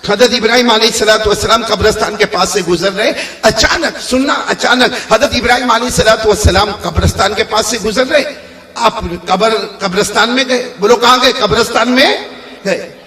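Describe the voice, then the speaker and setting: A man's voice: high-pitched, roomy sound. A man preaching a religious story to a crowd, leading them in call-and-response with dramatic repetition. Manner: prompts the crowd to repeat lines; animated, dramatic retelling with repetition.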